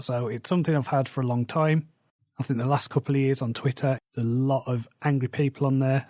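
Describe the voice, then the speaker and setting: A man's voice: medium pitch, darkish tone, dry recording, studio quality. A man recording his weekly author diary while losing his voice, sitting still and in pain, talking in a plain, matter-of-fact way. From England. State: losing his voice, slightly rough. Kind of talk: casual spoken diary. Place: indoors, seated at home.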